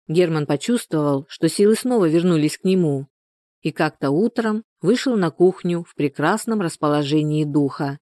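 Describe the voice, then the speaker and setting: An audiobook narrator reading prose in an even, measured voice of middle pitch. The recording is close and dry, with no room sound. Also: no room sound.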